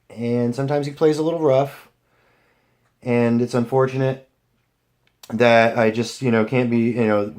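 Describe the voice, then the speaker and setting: With a mid-range, darkish-toned voice, a young vlogger rambles casually to his audience. His talk is packed with fillers and false starts.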